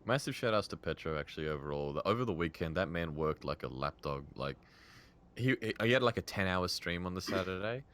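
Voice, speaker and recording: A young man guesting on a casual gaming podcast, excited and slangy, restarting often. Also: deep voice, fairly quick. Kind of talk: casual chat.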